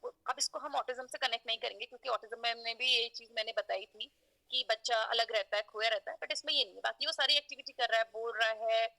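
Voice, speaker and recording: A woman's voice: a little high, fairly even intonation, fast talker, gravelly, sharp tone, low-quality recording. A woman psychology lecturer giving a recorded class, explaining point by point with frequent fillers and English terms mixed in.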